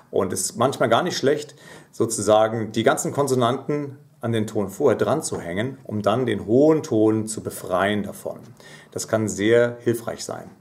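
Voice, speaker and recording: Male singing teacher, lower register, patient explainer who breaks into sung examples. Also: a little mellow. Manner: explanatory, sings short demonstration phrases. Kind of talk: voice lesson.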